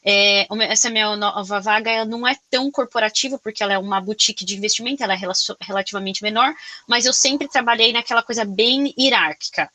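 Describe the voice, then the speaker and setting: Expressive Brazilian woman with a bright voice. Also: medium pitch, quick pace, dry recording. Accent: Brazilian Portuguese. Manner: loud, expressive, animated storytelling. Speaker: corporate sales professional. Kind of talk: casual interview chat.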